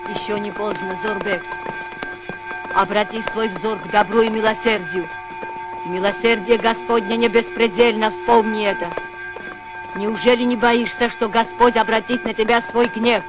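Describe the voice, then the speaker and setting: A fervent, righteous man of God played by a male film actor declaims in a very high voice. It is an eighties adventure film soundtrack, with music loud behind him. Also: steady tone, moderate pace, natural voice, poor audio. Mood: solemn warning. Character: righteous pious man cursing evildoers in God's name. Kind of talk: Soviet adventure film acting.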